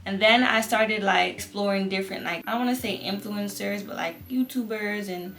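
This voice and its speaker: A woman's voice: mid-range voice, normal speed, creaky, fairly bright tone. Earnest young woman, fervent new believer. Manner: earnest, emphatic new believer, repeats phrases for emphasis. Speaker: vlogger. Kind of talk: casual personal testimony to camera.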